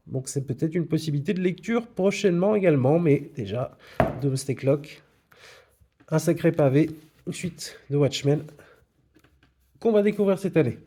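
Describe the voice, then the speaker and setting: A man's voice: on the high side, expressive, normal speed, pauses often, warm tone, a little hiss or hum. A man presenting his comic book purchases in a casual video, with frequent hesitations. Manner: hesitant, many fillers. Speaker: comics vlogger.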